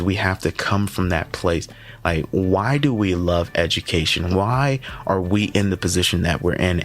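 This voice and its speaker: This motivational podcast host for educators has a fairly low, gravelly voice. He keeps things energetic and conversational, regularly checking in with whoever is listening.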